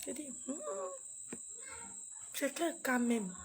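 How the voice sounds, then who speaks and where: A woman with a high voice and a gravelly, fry-laden edge recounts a painful family story. She speaks haltingly, repeats herself and acts out the dialogue of the people involved. Her delivery is raw, personal storytelling. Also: background noise. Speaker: grieving mother recounting a loss.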